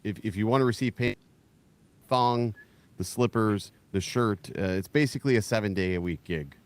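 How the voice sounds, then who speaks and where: A man guest joining a podcast, speaking haltingly and repeating words. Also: fairly low pitch, clear, resonant tone. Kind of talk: casual banter on a podcast.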